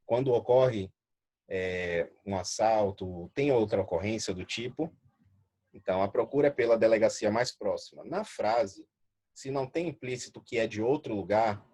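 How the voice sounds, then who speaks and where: A man teaching an English grammar lesson. His first language is Portuguese, and he reads English examples slowly, then translates and explains them patiently. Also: on the low side, a little mellow, husky.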